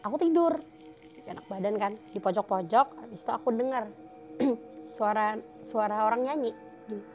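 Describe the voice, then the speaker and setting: A woman's voice: medium pitch, normal speed, darkish tone, faint music behind. A young woman casually recounting her own ghost experiences in a podcast interview, acting out the dialogue between speakers. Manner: acts out quoted dialogue, lots of fillers.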